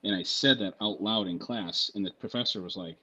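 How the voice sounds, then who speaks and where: A male military veteran with a lowish, sharp voice tells stories as a podcast guest, speaking briskly in a casual, profane, rambling way. He keeps checking in with "right?" and "you know what I mean?", and the recording has its highs cut off.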